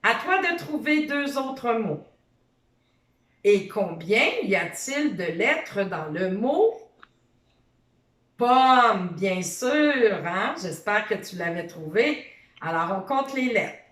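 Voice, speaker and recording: A woman teaching a children's reading lesson, slowly sounding out letters and gently encouraging the child. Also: medium pitch, very animated, recorded from a distance. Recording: echoey room, voice from off-mic.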